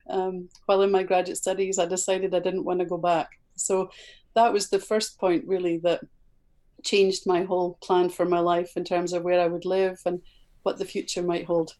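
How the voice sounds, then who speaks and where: A woman from Scotland, a physician guest telling her story in a relaxed, soft-spoken way. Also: medium pitch. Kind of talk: interview conversation. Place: on a phone or remote call.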